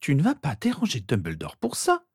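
A man voicing a skeptical, teasing teenage girl with sharp retorts. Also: high voice, wildly swooping pitch, moderate pace, no room sound, studio quality, voice pushed up, full character voice. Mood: mocking. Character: mocking skeptical teenage girl, Harry's sister.

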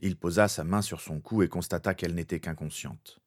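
A man narrating a fan fiction story in a steady, dramatic way. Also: deep voice, fairly quick.

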